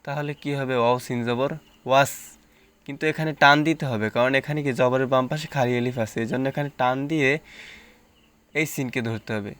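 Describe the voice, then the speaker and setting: A man teaching Quran reading, spelling out letters and reciting words slowly between plain explanations. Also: mid-range voice, steady tone, fairly bright tone, clear, resonant tone.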